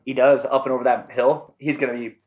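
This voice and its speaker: A man's voice: mid-range voice, flat delivery, fast. Guy doing casual golf commentator play-by-play for disc golf, supportive, kinda dull lo-fi audio.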